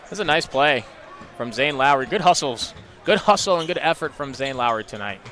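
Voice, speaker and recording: A man doing rapid play-by-play for high school basketball on radio, chatting with his co-hosts between plays. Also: lively intonation, a bit bright. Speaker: play-by-play announcer.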